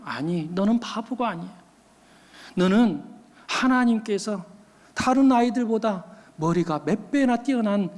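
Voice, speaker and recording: A man's voice: very high-pitched, exaggerated voice. A man voicing a tender mother who soothes and reassures her crying young son. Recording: long hall reverb.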